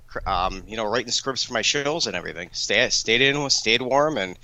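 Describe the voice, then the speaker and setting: A man in his fifties from Wisconsin, a nightclub DJ answering interview questions in an easygoing, relaxed way. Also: mid-range voice, moderate pace, rough recording. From Wisconsin, USA. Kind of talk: casual radio interview.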